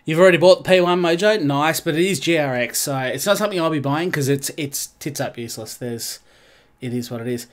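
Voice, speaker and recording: His nose stuffed up and voice nasal, a man streams a racing game with loose, rambling commentary, saying hello to viewers as they arrive. He speaks briskly at a fairly high pitch.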